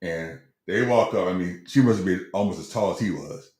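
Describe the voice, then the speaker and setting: A man's voice: low voice, fairly quick, a little mellow. A middle-aged man co-hosting a casual sports talk show, hedging and stumbling over repeated words as he tells stories. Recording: roomy echo.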